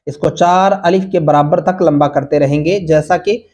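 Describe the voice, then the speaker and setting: This man's voice is a little high and slightly mellow, with fairly even intonation. Teaching Quran reading, he goes slowly through letters and vowel marks with patient drilling and sings the recited phrases drawn out.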